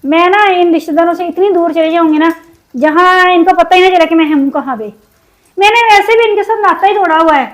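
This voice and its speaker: A woman from Pakistan chatting in a cooking vlog, upset and venting, her throat sore from shouting. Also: very high voice, low-quality recording. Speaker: cooking vlogger. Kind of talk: casual cooking vlog chat.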